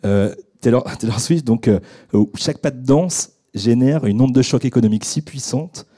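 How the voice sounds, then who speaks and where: A young man hosting a radio discussion, introducing his guests in a halting way with many fillers and restarts. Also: medium pitch, warm tone, slightly rough. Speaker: radio debate host. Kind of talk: hesitant unscripted introduction. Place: radio studio.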